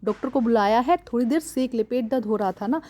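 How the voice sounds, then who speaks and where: A woman's voice: on the high side, a little fast, dark tone, natural voice. A woman teacher reading aloud the lines of a worried mother comforting her sick son in a play.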